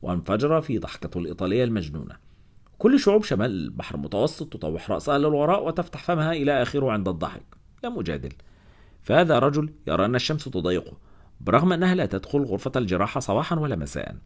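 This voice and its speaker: A man narrating a first-person novel in an expressive storytelling manner, with wry asides. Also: medium pitch, very fast. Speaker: audiobook narrator.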